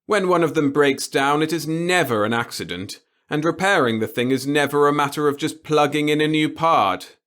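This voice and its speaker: Here a man narrates a tyrannical old sci-fi boss with a raised, slightly bright pitch, bearing down on each phrase and acting it only lightly. The character lectures in a gleeful, gloating, browbeating way at a moderate pace, barely pausing.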